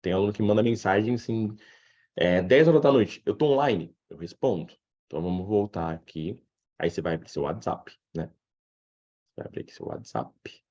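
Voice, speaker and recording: A Brazilian man leads a live English lesson, acting out his students' questions as he goes. His voice sits low with a husky edge and leaps around a lot. The sound is dull and lo-fi. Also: moderate pace. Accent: Brazilian Portuguese. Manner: animated, acts out student questions. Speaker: English teacher.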